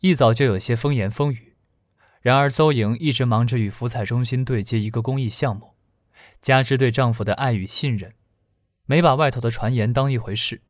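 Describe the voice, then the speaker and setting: A man narrating a serialized novel in a steady storytelling voice. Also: medium pitch, a little fast, no room sound, clean studio sound. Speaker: audiobook narrator. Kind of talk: scripted narration.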